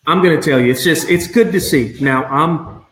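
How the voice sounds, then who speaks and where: A man, hosting a conversational interview, animated and prone to repeating phrases. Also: fairly high pitch, moderate pace. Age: 40s. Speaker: podcast host. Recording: roomy echo, faint noise.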